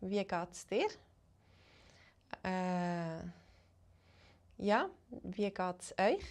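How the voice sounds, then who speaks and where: A Swiss woman who teaches Swiss German chats casually with her live-stream viewers, greeting each one in turn. Her medium-pitched voice has lively intonation, and she speaks slowly and unhurriedly, moving between English and German.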